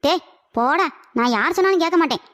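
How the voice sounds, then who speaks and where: A woman's voice: extremely high pitch, expressive, quick pace, background noise. A woman voicing a foolish, henpecked older husband in a cartoon comedy, whiny and lovesick. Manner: whiny, pleading, dreamy.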